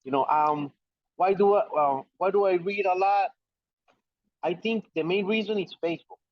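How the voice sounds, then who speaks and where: A man's voice: high-pitched, moderate pace, no room sound. Ecuadorian-accented man on a dull call line. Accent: Ecuadorian Spanish. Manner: repeats words, friendly and self-assured. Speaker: soccer correspondent guest. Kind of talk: casual podcast chat.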